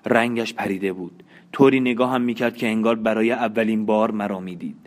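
A man narrating a novel in the first person, in a measured, dramatic storytelling manner. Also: fairly low pitch, fairly even intonation. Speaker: audiobook narrator.

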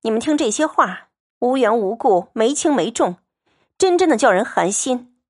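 A woman's voice: a little high, animated, moderate pace, a little mellow. A woman voicing an indignant noble lady of the house who answers with sarcasm. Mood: sarcastic indignant. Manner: offended, sarcastic.

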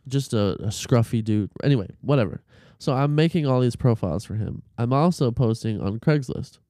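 A man's voice: medium pitch, animated, normal speed, warm tone, no echo, clean studio sound. A man on a casual podcast, telling a long story with profanity, fillers and restarts. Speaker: podcast co-host.

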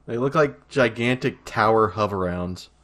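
A man co-hosting a casual chat in an easygoing way, with quick laughs. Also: lowish voice, fairly bright tone. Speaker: co-host.

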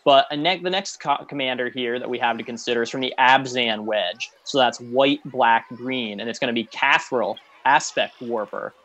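A man's voice: medium pitch, normal speed, few pauses, pushed and bright. A man co-hosting a casual chat about game cards, blunt and sarcastic with frequent laughs. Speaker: co-host reviewing cards.

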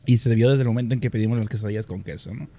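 A man's voice: lowish voice, fairly even intonation, racing, warm tone. A man with a Sonoran, northern Mexican accent in a casual chat, slangy and sweary, repeating phrases for emphasis.

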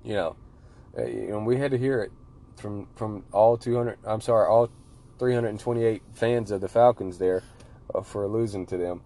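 A man's voice: fairly low pitch, normal speed, mellow. A man hosting a sports podcast, talking casually and informally and often repeating himself. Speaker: podcast host. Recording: clear music bed behind the voice.

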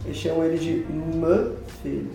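A man's voice: a little high, moderate pace, creaky, mellow, heavy reverb, recorded from a distance, faint music behind, poor audio. A man, playful and slangy in casual chat.

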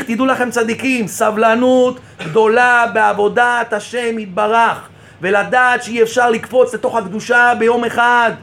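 A rabbi giving an impassioned sermon, asking rhetorical questions and repeating phrases for emphasis. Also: male voice, very high voice, fairly bright tone.

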